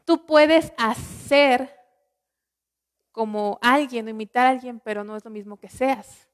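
High-voiced woman preaching a sermon. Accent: Mexican Spanish. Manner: earnest teaching, rhetorical questions, slows down on scripture.

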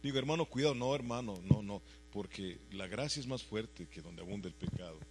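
Man preaching a sermon over faint hum. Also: moderate pace. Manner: asks the congregation frequent rhetorical questions; swings between loud emphatic lines and quiet low ones. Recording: faint mains hum behind the voice.

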